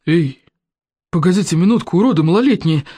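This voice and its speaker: An audiobook narrator voicing a pompous, self-important adult male adventurer who whines in drawn-out, boastful phrases. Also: medium pitch, big pitch swings, a little mellow, lightly acted. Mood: whining. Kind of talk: audiobook character reading.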